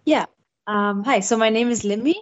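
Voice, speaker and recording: A woman's voice: fairly high pitch, normal speed, dull audio. A woman originally from India, speaking as a podcast guest in a friendly, reflective way over a remote call. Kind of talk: casual podcast chat.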